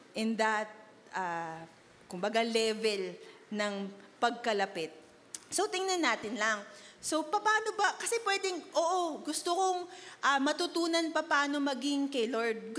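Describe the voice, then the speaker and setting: High-voiced woman preaching in a reverberant hall. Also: a bit bright. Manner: chatty, rhetorical questions, mixing Filipino and English. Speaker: youth worship speaker. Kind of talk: conversational sermon.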